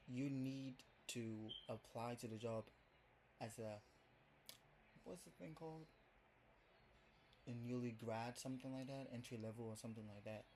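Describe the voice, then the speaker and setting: A young Ghanaian man with a Ghanaian accent rambles casually to the camera in his first vlog, his talk full of "like" and "um." His mid-range voice is slightly mellow and chatty. The audio is poor, with a little background noise.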